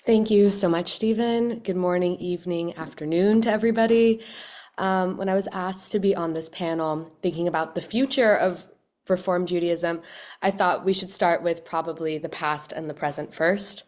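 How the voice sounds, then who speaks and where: A young woman from Southern California speaks on a panel in a fairly low voice. She tells her own story with light humor. Her tone stays personal and unhurried. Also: darkish tone. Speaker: rabbinical student panelist. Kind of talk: panel talk.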